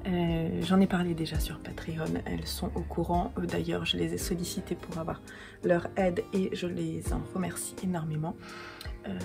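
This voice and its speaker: A French-accented woman in her thirties, a podcaster and yarn dyer, chats casually to camera at home. Her lowish, creaky voice sounds a little stuffy from a cold, and her talk is full of fillers and restarts.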